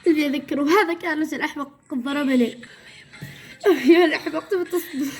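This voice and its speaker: A woman voicing a loud jeering thug. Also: high-pitched, quick pace, faint music behind. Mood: gloating. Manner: loud, jeering, mocking laughter. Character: gloating vengeful male thug, boastful.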